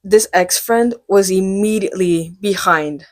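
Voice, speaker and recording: A woman's voice: mid-range voice, measured pace. A woman in her twenties telling a story in a casual chat with her sister, acting out what people said. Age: 20s. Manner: animated storytelling, acts out quotes. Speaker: podcast co-host.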